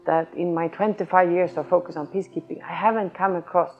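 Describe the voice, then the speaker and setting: A woman heading a policy research cluster, speaking in a measured way and pausing to choose her words. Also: on the low side, steady tone. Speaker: head of a policy center cluster. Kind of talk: interview statement. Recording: slightly muffled recording with music.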